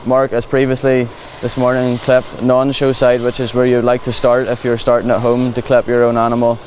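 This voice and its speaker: Over the clear buzz of clippers and machinery, a livestock clipping demonstrator from Northern Ireland talks through the hands-on work. His accent is Northern Irish, and his explanation is plain, practical, and reassuring. His medium-pitched voice sounds a little mellow.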